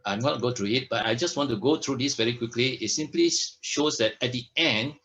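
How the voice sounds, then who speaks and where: A man's voice: medium pitch, a little fast, a bit bright. A man presenting products in a sales talk, emphatic, often checking in with "all right?" and "okay?". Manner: emphatic, stresses words by repeating them.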